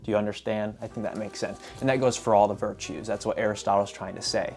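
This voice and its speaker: A man casually summarizing lessons from books, telling stories in an animated way with repeated filler phrases. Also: fairly low pitch, fast, soft background music. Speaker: book reviewer. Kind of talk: casual book summary vlog.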